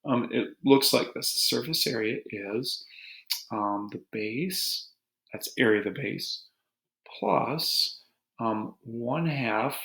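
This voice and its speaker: A man teaching a geometry lesson to his students in a relaxed, joking way, talking as he draws. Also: medium pitch, takes it slowly. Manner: relaxed, joking, talks while drawing on a board. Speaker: math teacher. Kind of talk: recorded math lesson. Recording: echoey room.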